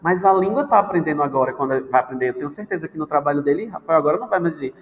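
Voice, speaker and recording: This Brazilian language teacher speaks very quickly in a slightly high voice, with the upper frequencies cut off. He's chatting in a relaxed, lively way on a podcast and having fun performing quoted voices. Long reverb and a faint background hiss run through the audio.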